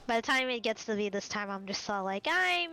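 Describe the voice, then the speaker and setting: An easygoing woman of middling pitch chats and chuckles with a friend over a game. Faint game music runs underneath. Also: fairly even intonation, quick pace, a bit bright, clean tone, low-quality recording. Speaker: friend playing along. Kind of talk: casual gaming chat.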